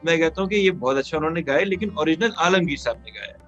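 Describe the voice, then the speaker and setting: Earnest higher-voiced male singer. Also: racing, a bit bright, highs cut off, soft background music. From Pakistan. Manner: earnest, tells anecdotes with quoted exchanges. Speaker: singer, guest. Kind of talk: interview conversation.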